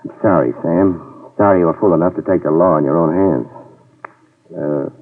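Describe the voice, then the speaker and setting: A low-pitched man speaking at normal speed narrates and plays the lead, a tough, wry private eye, in the manner of 1950s radio drama. He cracks dry jokes, and the old transcription sounds tinny and remote.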